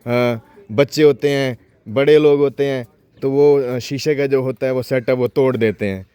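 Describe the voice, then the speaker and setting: A man's voice: medium pitch, fairly even intonation, normal speed, warm tone, clean tone, no room sound. A man hosting a casual vlog, chatting and teasing people around him outdoors at an event tent. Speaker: vlogger.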